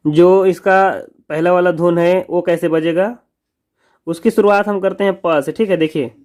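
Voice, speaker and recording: A man teaching a song on the harmonium, calling out and singing sargam notes slowly between quick spoken explanations. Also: high-pitched, steady tone, darkish tone, faint music behind. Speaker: music teacher.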